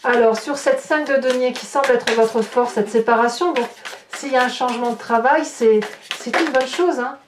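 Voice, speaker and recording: A woman's voice: sits high, moderate pace, background noise. A woman giving a tarot reading, musing aloud with hesitations and rhetorical questions as she turns the cards. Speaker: tarot reader. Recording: roomy, distant mic.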